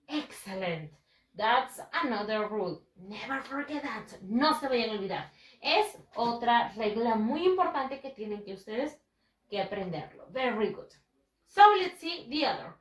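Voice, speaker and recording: Woman, teacher for kids, bright and deliberate, roomy sound. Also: on the high side, recorded from a distance. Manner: patient, repeats words slowly and switches between English and Spanish. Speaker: English teacher. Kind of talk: recorded online class for children.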